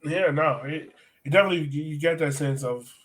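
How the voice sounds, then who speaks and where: A man co-hosts a soccer podcast, breaking down the game in an informal, slangy chat. His voice is fairly high and he talks fairly quickly.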